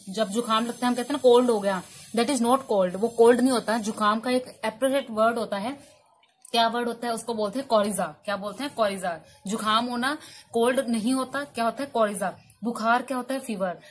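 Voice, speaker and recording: A woman's voice: fairly high pitch, slight background noise. A woman teaching English vocabulary in Hindi, asking each word as a question and answering it herself.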